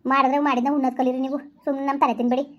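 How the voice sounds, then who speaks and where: A woman's voice: high voice, little pitch movement, rapid-fire, highs cut off, lightly acted. A woman playing a harried young village housewife with a baby, who talks back defiantly and complains in a comedy skit. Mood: complaining.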